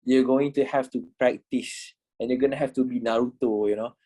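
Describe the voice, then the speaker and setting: A mellow, mid-range male voice moves fairly quickly with a steady tone. The speaker, a trading instructor in his twenties, closes a casual online class with swearing, repetition, and plenty of "you know?"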